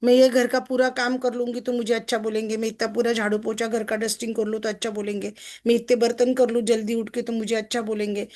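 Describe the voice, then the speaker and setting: A woman success coach explaining a text to a group in a chatty way, often asking listeners for agreement and slowing down to read passages aloud. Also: a little high, level tone, a little mellow. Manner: chatty, asks listeners for agreement with tag questions; slows down when reading passages aloud.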